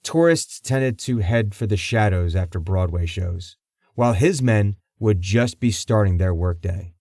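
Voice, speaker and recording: Reading from a script, a fairly low-pitched man tells a crime story for an audiobook, keeping his delivery measured and even. The recording is studio quality with no room sound.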